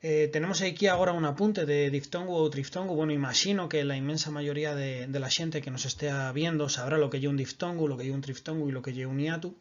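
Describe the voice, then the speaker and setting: A man's voice: a little high, steady tone, fast, few pauses, lo-fi sound. A man teaching a recorded online language lesson, explaining patiently and often checking that his listeners follow.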